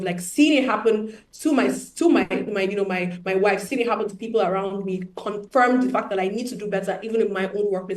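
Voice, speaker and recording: A woman's voice: medium pitch, darkish tone. A woman hosting a panel conversation, enthusiastic and affirming toward her guests. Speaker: host. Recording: distant, roomy mic.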